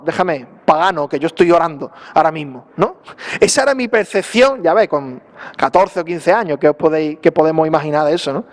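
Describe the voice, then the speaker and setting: Male pastor, high pitch; conversational sermon with playful acted asides. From Spain. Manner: lively, conversational preaching with tag questions and acted-out asides.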